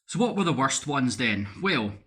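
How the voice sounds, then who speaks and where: A man's voice: medium pitch, sing-song, normal speed, sharp tone. A Scottish man in a casual video diary, chatty, with frequent fillers and repeated words. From Scotland. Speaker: vlogger.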